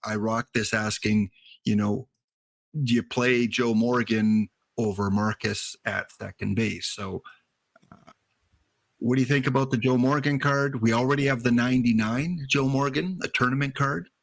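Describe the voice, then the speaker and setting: A man's voice: mid-range voice, normal speed, gravelly, no room sound. A man with a Canadian accent, chatting casually as the host of a show about a baseball card game.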